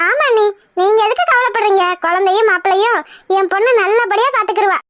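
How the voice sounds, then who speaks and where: A woman's voice: extremely high pitch, quick pace, a bit bright, dry recording, studio quality. A woman voicing a spiteful, scheming middle-aged mother in a village cartoon, talking in a sneering, menacing way.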